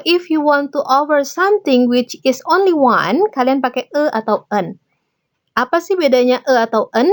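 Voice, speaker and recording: Woman teaching English phrases. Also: a little high. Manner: reads English example phrases slowly and clearly, then explains them in Indonesian. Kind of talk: bilingual grammar lesson.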